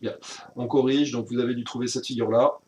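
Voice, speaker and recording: A man's voice: medium pitch, level tone, fast, darkish tone, a little hiss or hum. A man teaching a recorded virtual class recap, explaining step by step with frequent hesitations and self-corrections.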